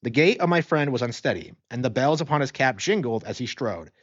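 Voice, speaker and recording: A man's voice: mid-range voice, expressive, a little fast, dull audio. A man narrating a story as an audiobook reader in a dramatic, scripted style.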